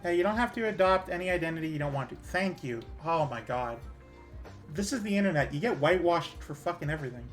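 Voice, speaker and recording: A woman's voice: low-pitched, animated, quick pace, faint music behind. A woman with a Canadian accent, chatting casually with her viewers while gaming, rambling with fillers and small laughs. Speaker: streamer.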